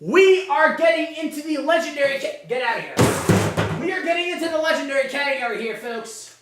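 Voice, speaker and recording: A man's voice: very high voice, expressive, brisk, over loud music. Hyped man in an echoey room. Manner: repetitive, mock sportscaster hype, catchphrases. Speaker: livestream host. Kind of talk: hyped live tier-list commentary.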